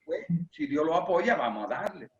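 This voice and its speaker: High-voiced Dominican man, far and echoey. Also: sing-song, moderate pace. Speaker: preacher. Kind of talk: casual conversation. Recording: distant echoey lo-fi.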